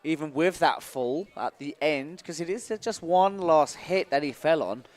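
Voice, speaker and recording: A man's voice: on the high side, a little slow. A man co-commentating at a sports event, chatty and musing in his analysis.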